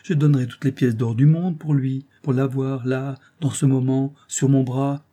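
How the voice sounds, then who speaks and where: A timid, grieving orphan boy violinist from a storybook, pouring out his sorrow in an emphatic, lamenting voice, as a man reading the tale puts him on. The tone is dark and a little husky. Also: medium pitch, fairly even intonation, moderate pace, pitched above the performer's own voice, lightly acted.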